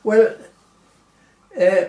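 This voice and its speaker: Man in his nineties, rambly storyteller, pauses and ums, echoey living room. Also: a little mellow. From Galway, Ireland. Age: 90s. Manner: rambling, with many pauses and fillers. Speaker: oral history interviewee. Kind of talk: unhurried storytelling reminiscence. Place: small living room indoors, seated in armchair. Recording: roomy living-room echo.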